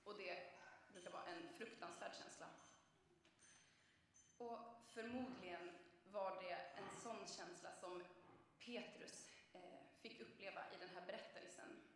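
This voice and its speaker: A woman's voice: mid-range voice, fairly even intonation, background noise. A young woman preacher giving a conversational sermon, telling a personal story with frequent hesitations. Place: church. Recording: echoey church from a distance.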